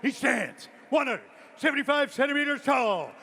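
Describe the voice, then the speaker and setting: A man announcing fighters in a loud, drawn-out ring announcer's delivery in a fight arena. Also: sing-song. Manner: booming, drawn-out shouted announcing. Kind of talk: fight introductions. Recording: arena with crowd and noise.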